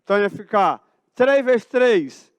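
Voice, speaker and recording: A man with a Brazilian accent leads a math lesson in a school auditorium, asking a question and then supplying the answer. His voice sits high and his delivery is slow. The sound is close and dry. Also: lively intonation, clean tone, no room sound. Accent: Brazilian Portuguese. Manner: asks the class questions and answers them himself. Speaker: teacher.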